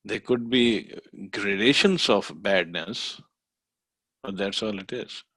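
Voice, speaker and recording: A man's voice: on the low side, slow pace, bright, forceful tone, no echo. A man teaching a scripture class, explaining patiently with some hesitant fillers. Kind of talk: scripture study lecture.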